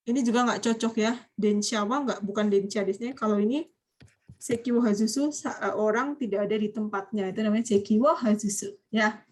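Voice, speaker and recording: A woman's voice: mid-range voice, steady tone, a little fast. A woman teaching a Japanese vocabulary class, quizzing her students and prompting them to hurry up with their answers.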